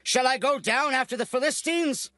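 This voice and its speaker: A man's voice: very high voice, moderate pace, sharp tone, no echo, studio quality. A man playing a stern, commanding king of ancient Israel in a dramatized scripture reading, declaiming his orders. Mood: urgent, solemn.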